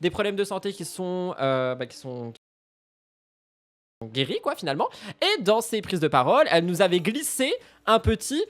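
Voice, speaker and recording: A man with a fairly high voice hosts a gossip live stream. He mocks and rants as he reacts, tossing in English phrases. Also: big pitch swings, moderate pace, pauses often. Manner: mocking, ranting, slips in English phrases.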